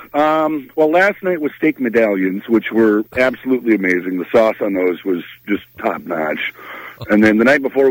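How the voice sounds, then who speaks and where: A man's voice: fairly low pitch, no echo, low-quality recording. A man with a Minnesota accent, chatting casually on the radio from a fishing trip, easygoing and full of fillers. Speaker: radio host on remote from ice fishing trip. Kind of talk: casual radio phone-in chat.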